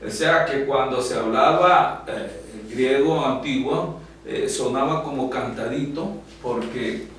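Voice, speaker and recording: A male teacher lectures a class at a slow, deliberate pace, stopping often to gather his words. He is recorded from across the room, so his voice rings with heavy echo over a faint hum. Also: mid-range voice, fairly bright tone, distant mic. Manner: slow and explanatory, with frequent pauses and fillers. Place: classroom with whiteboard.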